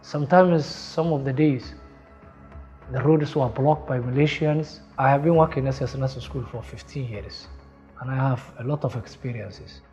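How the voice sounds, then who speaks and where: A man's voice: mid-range voice, moderate pace, warm tone, faint music behind. Earnest man in a dull lo-fi interview. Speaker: nursing school staff member. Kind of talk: documentary interview.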